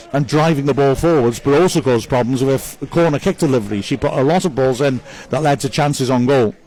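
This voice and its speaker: Here a man provides live commentary for his club's match, upbeat and talkative, singling out each player for praise while reading messages from viewers. The voice is mid-range and darkish, and the audio quality is poor.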